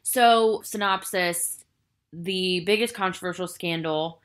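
A woman with a slightly low-pitched voice hosts a casual film review podcast. She talks in a loose, rambling way, full of "like" and "I think." She sounds earnest and emotionally invested. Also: takes it slowly. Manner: chatty and rambling, heavy use of "like" and "I think". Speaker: podcast host.

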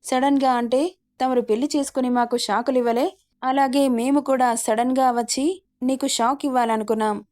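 A woman's voice: high-pitched, fairly even intonation, moderate pace, darkish tone, lightly acted. A woman reading as a worried middle-aged aunt. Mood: chiding. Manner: pleading, worried.

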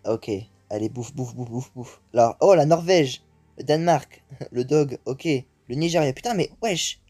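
Excitable young man narrating his gameplay. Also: mid-range voice, moderate pace, husky, faint music behind. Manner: excitable, swears often, mixes English exclamations into French. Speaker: gaming YouTuber. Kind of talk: live gameplay commentary.

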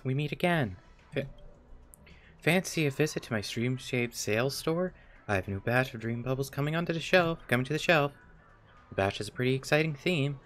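A man reading out a game's dialogue as a smooth-talking male dream salesman, with an upbeat sales-pitch delivery. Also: a bit bright, natural voice. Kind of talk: reading game dialogue aloud.

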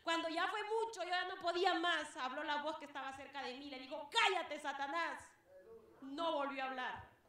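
A woman's voice: high voice, fairly even intonation, fairly quick, fairly bright tone. A woman from Guatemala giving an emotional church testimony, fervently addressing the congregation as beloved brethren. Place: church hall. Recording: very echoey church hall.

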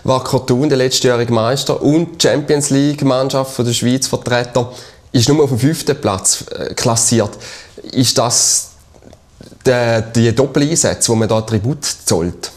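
Swiss man hosting, mid-pitched voice. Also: unhurried. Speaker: TV sports show host, interviewer. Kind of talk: sports interview questions. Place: small TV studio. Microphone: lapel.

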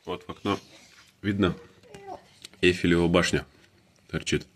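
Calm man narrating a casual food-tasting vlog. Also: low voice, a little slow, a little hiss or hum. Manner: calm, terse, speaks in short clipped phrases. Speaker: vlogger tasting groceries. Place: indoors, in a room in a city. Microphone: phone camera held by the speaker, who stays off screen.

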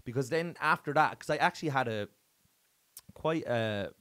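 An Irish man, a guest comedian, in casual podcast chat, loud and jokey and swearing freely. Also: medium pitch, lively intonation, normal speed. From Ireland. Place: podcast studio.

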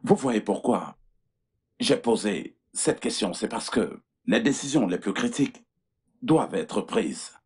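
A man playing a serious hospital doctor in a dubbed film, explaining things slowly and patiently. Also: fairly low pitch, animated, husky, full character voice. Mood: grave. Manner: measured, explaining.

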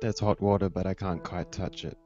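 In a low, slightly mellow voice with fairly even intonation, a young male writer or performer reads experimental fiction a little fast into a handheld mic held close. The festival reading is streamed live online from an indoor room, sounding dull and lo-fi with prominent background music.

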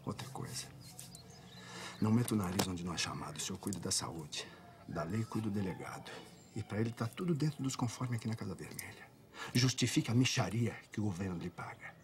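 A man's voice: on the low side, animated, fairly quick. A man acting a scornful, self-righteous brothel owner in a film drama, talking with swagger and threat. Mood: menacing.

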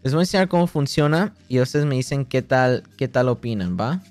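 A man's voice: mid-range voice, lively intonation, a little fast, darkish tone, faint music behind. A young man with a Mexican accent, livestreaming a game in a boastful, joking way, swearing constantly. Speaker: streamer. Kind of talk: casual gaming livestream.

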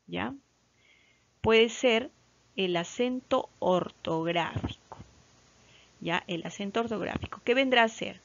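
Slow, patient woman teacher. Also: mid-range voice, gravelly, a little hiss or hum. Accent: Peruvian Spanish. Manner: slow and patient, repeats key words, checks with "¿ya?"; stretches out example words loudly. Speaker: primary school teacher. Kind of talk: recorded classroom lesson. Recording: slightly dull lo-fi recording.

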